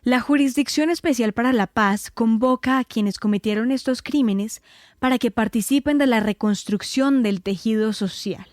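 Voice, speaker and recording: A woman reading scripted narration in a measured, formal way. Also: on the high side, a little mellow, dry recording, clean studio sound.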